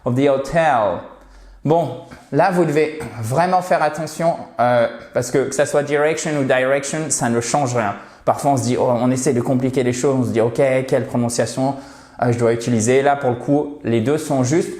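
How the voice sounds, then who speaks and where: A man teaching English in French, explaining phrases and repeating words slowly to model their pronunciation. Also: mid-range voice, darkish tone. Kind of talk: casual video lesson. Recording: roomy echo.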